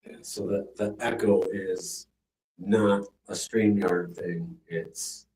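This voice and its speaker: Low, echoing man livestreaming from a dome. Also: steady tone, takes it slowly, darkish tone. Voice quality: slightly froggy throat. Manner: echoing as if under a bridge, voice bouncing off a dome. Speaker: livestream host. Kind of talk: casual livestream chat. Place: inside an echoey dome. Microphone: phone. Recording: echoey dome, distant mic, faint noise.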